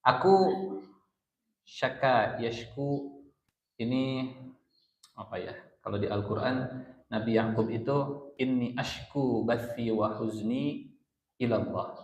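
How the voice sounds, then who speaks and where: A man's voice: medium pitch, fairly even intonation, slow pace, pauses often, roomy sound, rough recording. A man with a Sundanese-inflected Indonesian accent teaching a Quran study circle, explaining verses and chanting Arabic recitation. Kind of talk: Islamic study lecture.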